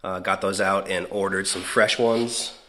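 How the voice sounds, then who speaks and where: A man giving a casual, halting update on his garage project, searching for words with lots of fillers, a little out of breath. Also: low voice, fairly even intonation, background noise. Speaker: hobby builder vlogging a mini bike project. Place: hot home garage.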